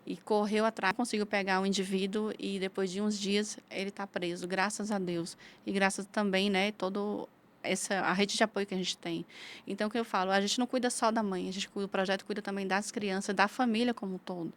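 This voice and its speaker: A woman's voice: mid-range voice, fairly quick. A woman from the Federal District of Brazil, a community leader and guest, recounting real cases in a casual interview and acting out the dialogue of the people involved. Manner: lively retelling of cases, acting out quoted dialogue.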